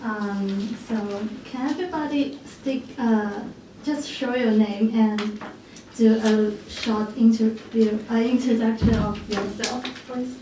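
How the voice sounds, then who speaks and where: Woman moderator, halting and slow, distant mic in a noisy echoey room. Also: fairly high pitch, steady tone. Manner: slow, halting, many fillers. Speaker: focus group moderator. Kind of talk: hesitant moderation of a group discussion.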